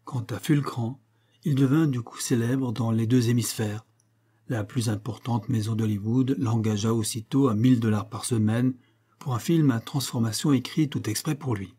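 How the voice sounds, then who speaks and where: A man narrating a detective story as an audiobook reader, measured and even. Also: mid-range voice, slightly rough.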